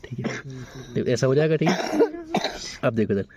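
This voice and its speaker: A man's voice: medium pitch, lively intonation, moderate pace, highs cut off, a crowd in the background. A male coaching teacher walking a class through an exam paper, asking questions and checking with the students as he goes. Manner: explains in question-and-answer style, checks with students.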